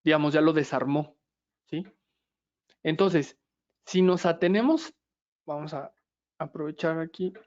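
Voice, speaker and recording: A man gives a classroom lecture in a fairly high voice. He explains step by step and keeps asking his students whether they follow. The recording is dull and lo-fi. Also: unhurried, long pauses, darkish tone. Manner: explains step by step, constantly checks in with "¿sí?". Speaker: lecturer in systemic therapy.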